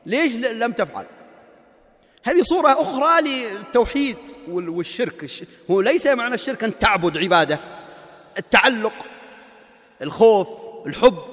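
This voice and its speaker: A man's voice: high-pitched, fairly bright tone, in a large hall. A man preaching a conversational sermon, asking rhetorical questions and pressing his points with emphatic, colloquial asides.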